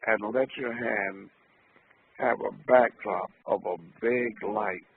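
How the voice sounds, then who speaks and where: Gravelly, low-voiced man leading guided meditation. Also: fairly even intonation. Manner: slow, deliberate, instructing a group. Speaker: spiritual healing session leader. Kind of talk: guided meditation with chanted affirmations. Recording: noisy, tinny phone-like audio.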